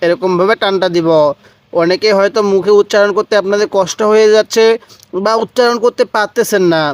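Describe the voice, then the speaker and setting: A man's voice: sits high, no echo. A man teaching Quran letter reading step by step, patiently spelling out syllables and repeating them for the viewer. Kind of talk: step-by-step recitation lesson.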